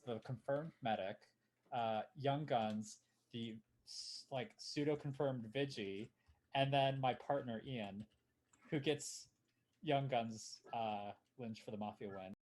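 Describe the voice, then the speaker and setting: Man, mid pitch, casual voice chat, rambling, filler words. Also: slow pace, darkish tone. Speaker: player in an online party game.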